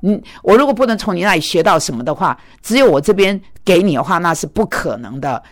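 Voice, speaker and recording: A woman's voice: on the low side, quick pace. Blunt scolding woman preacher. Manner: blunt, scolding, lively and animated. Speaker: preacher and mentor. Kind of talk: sermon. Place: speaking in Manhattan.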